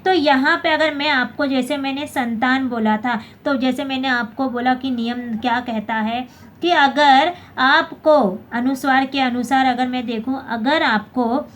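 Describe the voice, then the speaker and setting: A woman's voice: sits high, steady tone, a little slow, a bit bright. A woman teaching a basic grammar lesson, often asking "theek hai" and correcting her own slips. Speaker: Hindi teacher.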